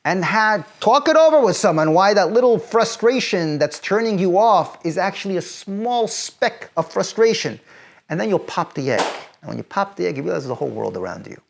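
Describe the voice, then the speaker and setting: A man, a rabbi, gives emphatic advice to teenagers, repeating phrases and building to loud peaks. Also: sits high, sing-song, a little fast, creaky.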